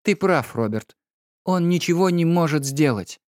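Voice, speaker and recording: A man reading an audiobook, voicing an irritable, distraught young noblewoman with sharp, exasperated outbursts. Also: a little high, animated, measured pace, no room sound, clean studio sound, pitched above the performer's own voice. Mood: cold, weary.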